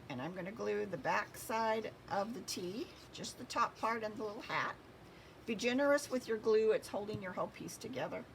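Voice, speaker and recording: Lady doing a craft how-to, bit of vocal fry, talking you through each step. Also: mid-range voice, fairly bright tone, a little hiss or hum. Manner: instructive, talks while working with her hands. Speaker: craft tutorial host.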